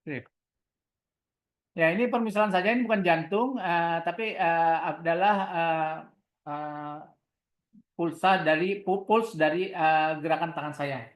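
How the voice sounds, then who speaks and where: Low-ish and measured, the voice belongs to an Indonesian-accented product trainer leading an online equipment tutorial step by step. In this software tutorial she keeps posing questions and answering them herself to instruct.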